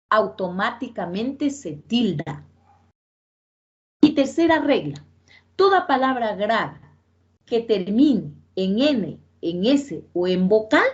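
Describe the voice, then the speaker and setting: A woman teacher walks a class through rules at an unhurried pace. She repeats herself and checks in with her students as she goes. The recording sounds dull and lo-fi. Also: fairly high pitch, a little mellow. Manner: slow, repetitive explaining with checking questions. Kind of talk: classroom grammar lesson.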